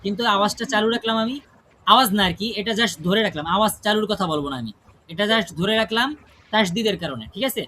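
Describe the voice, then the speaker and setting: A man's voice: high-pitched, fast, bright, forceful tone, slight background noise. A man teaching a class how to pronounce Quranic recitation. He demonstrates the sounds aloud and keeps checking in with his students. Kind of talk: classroom pronunciation lesson.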